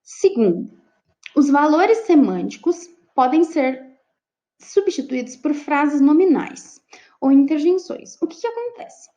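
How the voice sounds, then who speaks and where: Her voice high-pitched, sing-song and mellow, a Brazilian Portuguese teacher speaks a little slowly in an online class, explaining each step and checking in with students; the recording is dull and lo-fi.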